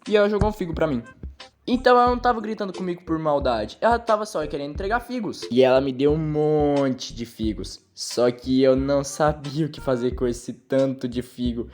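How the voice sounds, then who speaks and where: Fast-talking Brazilian man dubbing a storytime. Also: on the high side. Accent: Brazilian Portuguese. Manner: quick, animated first-person storytelling. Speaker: fan dubber narrating a storytime. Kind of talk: dubbed storytime narration. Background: faint background music.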